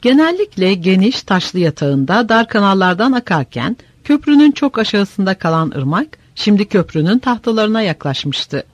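Man, audiobook narration, high voice, very lively pitch, steady, dry close mic. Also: moderate pace, few pauses, dry recording. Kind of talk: scripted narration.

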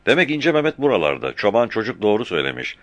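A man voicing an excitable soldier, a corporal, talking in an eager, agitated way, in an audiobook. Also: fairly low pitch, fast, no room sound, muffled recording, voice pushed up. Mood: excited.

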